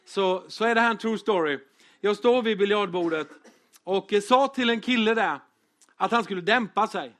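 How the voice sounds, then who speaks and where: Pastor, male, high voice, relaxed storytelling sermon with fillers. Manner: chatty storytelling with humor and fillers.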